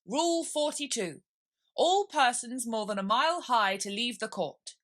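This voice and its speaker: A woman plays a muddled old-fashioned storybook king sitting as judge. He is grave and blustering, with animated pitch and a bright, forceful edge. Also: measured pace. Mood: pompous.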